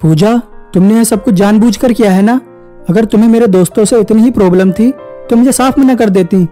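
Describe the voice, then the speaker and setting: A woman's voice: mid-range voice, moderate pace, mellow, soft background music, voice pushed down, close to an everyday voice. A woman doing an angry, accusing young man. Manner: accusing, gruff. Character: angry young husband and his annoyed male friends.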